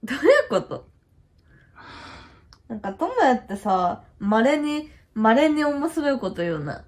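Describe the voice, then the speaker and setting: A woman's voice: sits high, very animated, measured pace, full character voice. A woman playing a blunt, teasing young woman who used to chase host clubs, in a comedy sketch. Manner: blunt, teasing, casual slangy talk.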